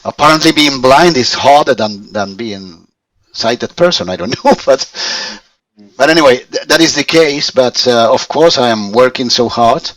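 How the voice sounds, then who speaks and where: Halting Spanish-accented man in his fifties. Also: medium pitch, a bit bright, no echo, far from the mic, poor audio. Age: 50s. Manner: halting, searching for words with many restarts. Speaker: language student. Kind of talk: conversational English lesson.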